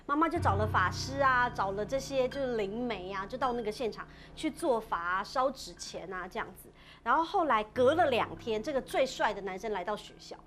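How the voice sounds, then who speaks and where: A woman casually telling a ghost story on a podcast, chatty and animated, with many filler particles. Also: a little high, fairly quick. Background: background music.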